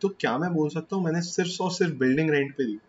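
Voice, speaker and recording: A man's voice: fairly high pitch, fast, a little mellow. A man with an Indian accent teaching a tax class, mixing Hindi and English and asking and answering his own questions. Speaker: tax lecturer. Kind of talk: classroom lecture. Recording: slightly dull lo-fi sound with faint background noise.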